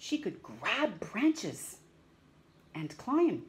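Reading a picture book to young children in a small indoor room at home, a middle-aged storytime host uses a mid-range voice with huge pitch swings. She draws words out dramatically and puts questions to her audience.

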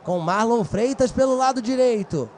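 Brazilian guy doing explosive football goal commentary, really high voice, shouted drawn-out calls. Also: expressive, a little hiss or hum. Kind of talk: live football play-by-play commentary.

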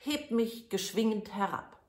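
A woman voicing a tiny, sly, mischievous boy in a storybook reading, in a high, loud, teasing voice. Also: animated, measured pace. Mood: polite, insistent. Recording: echoey room.

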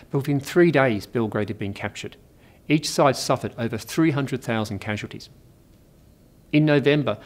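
A middle-aged man with an Australian accent, delivering a scripted history lecture in a measured, precise way, recorded in a studio. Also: medium pitch.

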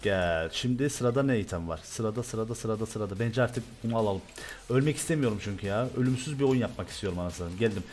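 A young man from Turkey commentating loudly and excitedly on his own gameplay, swearing and shouting at the game. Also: lowish voice, fast, a little hiss or hum. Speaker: gaming streamer.

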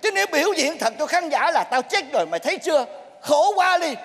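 A man with a Southern Vietnamese accent plays a troupe master in a live stage sketch, scolding with a very high voice. He keeps breaking into exasperated shouts. The sound rings with long reverb from a theater hall. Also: sing-song, fast.

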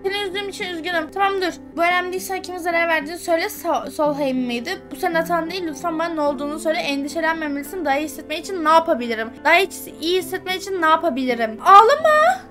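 A young woman streamer commenting on a game and reading its lines aloud, emotional and quick to exclaim. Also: extremely high pitch. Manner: emotional, exclaims and swears at the game, on the verge of tears. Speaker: gaming streamer. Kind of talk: casual let's play commentary, reading game text aloud. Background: faint game music.

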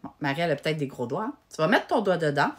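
A woman teaching young children to read letters, talking slowly and patiently and praising often. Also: sits low, sing-song. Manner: slow and patient, spelling out letters with frequent praise. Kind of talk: slow, encouraging children's reading lesson.

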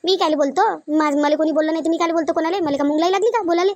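A high, rapid cartoon village woman fires back sharp, defiant retorts, as a woman voices her. She speaks with a Varhadi Marathi accent. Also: no echo.

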